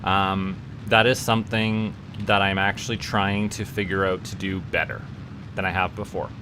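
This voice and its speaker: Deep and level, this man's voice moves at a moderate pace over some background noise. He is a VTuber from Canada chatting casually with viewers on a gaming livestream, rambling and tripping over repeated words.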